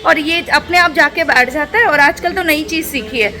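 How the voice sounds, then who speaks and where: A woman's voice: sits high, moderate pace, a crowd in the background. Chatty young woman vlogging at home. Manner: chatty, switching to sing-song baby talk with her toddler. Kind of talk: casual home vlog chat. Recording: noisy home recording.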